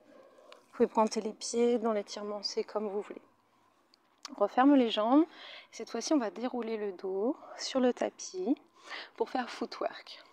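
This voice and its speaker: A woman teaching a Pilates class, giving calm breathing cues and breathy whispered counts while doing the exercises herself, close to the mic. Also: a little high, normal speed, long pauses. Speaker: Pilates instructor. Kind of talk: guided workout instruction. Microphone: mic very close to the face.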